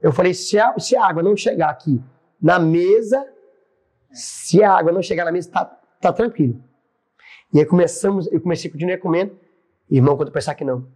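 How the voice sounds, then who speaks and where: A man with a Brazilian Portuguese accent, a pastor, tells his faith story on a podcast. His voice sits a bit high with a husky edge, and he brings his anecdotes to life by acting out the voices of the people involved. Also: a little fast, darkish tone. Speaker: pastor and church president, podcast guest.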